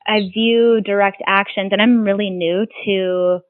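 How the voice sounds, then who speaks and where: A woman's voice: medium pitch, steady tone, unhurried, no room sound. A woman climate activist giving casual, earnest interview answers, rambling a little with restarts. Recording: tinny phone-like line.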